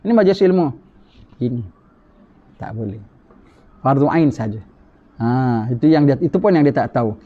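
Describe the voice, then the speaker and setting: A man's voice: medium pitch, expressive, moderate pace, pauses often. A man giving an emphatic religious lecture with rhetorical questions, in a dull lo-fi recording. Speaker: religious teacher.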